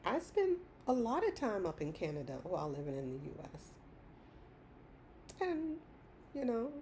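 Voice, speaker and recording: A woman's voice: a little high, gravelly, mellow, a little hiss or hum. A middle-aged woman talking in an unscripted personal monologue, rambling, repeating her points and laughing often between phrases. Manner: emphatic repetition. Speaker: vlogger.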